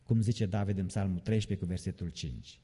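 The long echo of a church hall surrounds a pastor's evening sermon, given in a low, warm, slightly rough voice. He speaks emphatically, returning to key phrases and joking in a mocking way.

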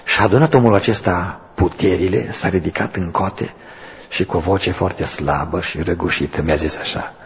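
A man preaches in a church, his voice very husky and breathy. The sound is muffled and dull, with a long hall reverb trailing each line. He tells a story quietly, then rises into loud, emphatic preaching. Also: low voice. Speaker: pastor. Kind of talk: sermon.

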